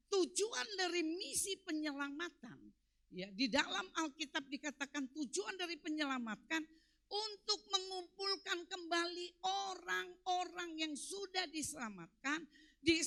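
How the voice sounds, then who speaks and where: Bright-voiced woman pastor preaching. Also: very high voice, creaky, no room sound. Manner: emphatic preaching, swinging between loud peaks and quiet drops. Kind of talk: sermon.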